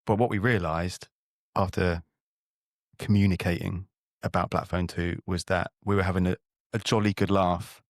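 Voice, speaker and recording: Male co-host, lowish pitch, self-mocking and playful, dry booth sound. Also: steady tone, moderate pace, no room sound. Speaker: podcast co-host. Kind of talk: casual chat.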